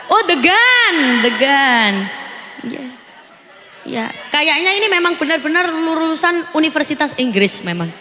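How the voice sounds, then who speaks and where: A woman preacher giving a lively sermon, quizzing and teasing her audience. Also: fairly high pitch. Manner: animated, asks the audience questions and teases. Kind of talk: lively village sermon with jokes and crowd questions. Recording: echoey hall over PA, faint noise.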